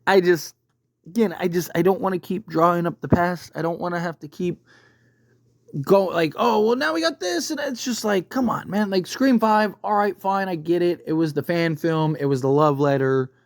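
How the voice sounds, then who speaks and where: A YouTube host delivers a casual, opinionated rant to camera about films, talking emphatically and conversationally and repeatedly checking in with rhetorical questions. The voice is mid-range at normal speed, dry-sounding, with no echo.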